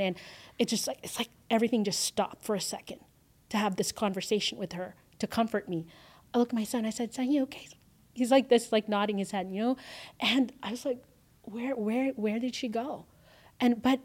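Woman telling an emotional personal story. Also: fairly high pitch. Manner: animated, swings from hushed to loud exclamations. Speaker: podcast guest, entrepreneur.

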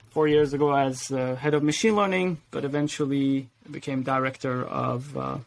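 Guy in his 40s, grew up in sweden, kinda gravelly, lots of uhs and ums, chill podcast guest. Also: medium pitch. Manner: relaxed, hesitant with many fillers, laughs easily. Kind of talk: casual interview talk.

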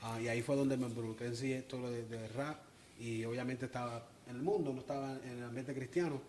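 A music producer from Springfield, Massachusetts, USA, talks earnestly as a guest in a casual interview, mixing in English words. His medium-pitched voice is a little mellow, fairly even in intonation and brisk, with slight background noise.

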